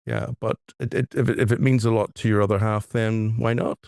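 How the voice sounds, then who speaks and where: Low-voiced easygoing man. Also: steady tone, vocal fry, a little mellow, clear, resonant tone, dry recording. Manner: easygoing, halting restarts. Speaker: podcast co-host. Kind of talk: casual chat.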